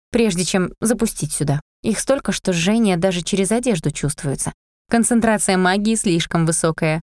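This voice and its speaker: A woman reads a first-person fantasy audiobook in a lively, expressive way. Her voice sits at a middle pitch, and the recording is dry and close, with no room sound. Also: no room sound. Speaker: audiobook reader.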